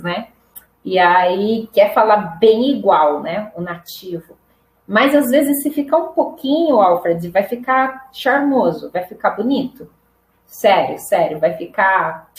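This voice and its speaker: In a reverberant, poor-quality recording, a middle-aged Brazilian woman with a mid-range voice leads a live online Portuguese class. Patient and repetitive, she goes over examples again and again, peppering her speech with "né?" and "tá bom?".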